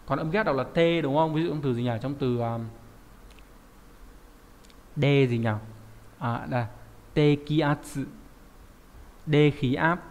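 A man's voice: medium pitch, unhurried, long pauses. Male language teacher, chatty and questioning, lingering reverb behind him. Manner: chatty, asks the class rhetorical questions. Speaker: Japanese kanji teacher. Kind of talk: online lesson explaining kanji.

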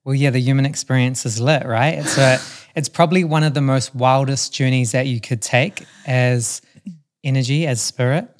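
A man's voice: medium pitch, fairly even intonation, normal speed. A man who is a guest on a podcast, talking in a laid-back, enthusiastic way with plenty of slang. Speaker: podcast guest, breathwork facilitator. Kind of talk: casual podcast chat.

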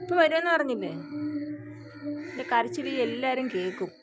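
A woman's voice: high-pitched, animated, normal speed, noisy background. A woman soothing and coaxing her crying pet dog in a home vlog. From Kerala, India. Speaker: pet vlogger.

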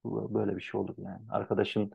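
A man teaching an Arabic translation class online, animated and lively, acting out students' complaints in a raised voice. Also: on the low side, fast talker, vocal fry, slightly rough, dull audio. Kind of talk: online lecture.

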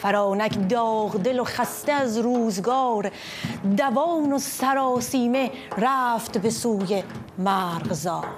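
A woman's voice: a little high, background noise. A middle-aged woman reciting heroic verse as an epic teahouse storyteller, in a theatrical, declamatory way. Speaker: Shahnameh storyteller (naqqal). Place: TV studio stage with large screen. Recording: music behind the voice.

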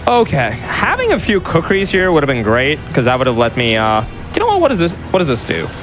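Game audio, music and effects alike, accompanies a speedrunner playing live who riffs casually with self-deprecating, exaggerated humor. His voice is a little high, swooping wildly in pitch, and he speaks briskly.

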